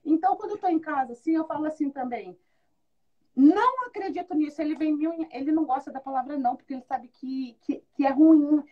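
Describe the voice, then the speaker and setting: A woman's voice: high voice, fast, hardly any pauses, dull audio. A woman being interviewed about being a mother, telling good-humored stories and acting out what people said. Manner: animated storyteller who acts out quoted dialogue; good-humored, laughs often. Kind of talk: casual conversational interview.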